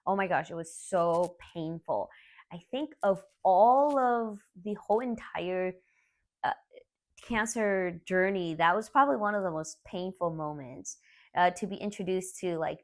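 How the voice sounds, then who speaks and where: A woman in her forties who grew up in Laos tells a personal story in a soft-spoken, candid way. Her voice sits a little low for a woman, and her delivery is earnest and unpolished. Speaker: martial arts school owner.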